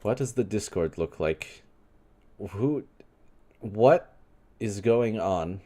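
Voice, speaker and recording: A man's voice: lowish voice, expressive, slow, warm tone. Wry young man answering live chat. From New York. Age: 20s. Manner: wry, rambling, reads chat aloud and reacts. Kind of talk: casual live-stream Q&A.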